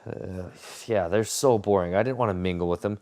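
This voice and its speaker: A man's voice: sits low, fairly quick, a little mellow, no echo, studio quality. A young man telling a work story in a casual, sarcastic, ranting way, mocking his bosses. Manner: sarcastic ranting, mocks bosses in put-on pompous voices.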